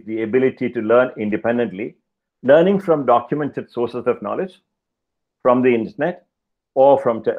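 An older man giving a keynote lecture over slides on a video call, talking in a measured, deliberate way with pauses and fillers. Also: mid-range voice. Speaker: keynote speaker. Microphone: headset, video call. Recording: slightly dull video-call audio.

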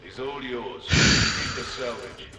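A man's voice: medium pitch, slow, natural voice. Game villain male actor: sardonic hired-gun boss, casual, echoey, with music underneath. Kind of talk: video game dialogue. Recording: echoey, distant, music behind.

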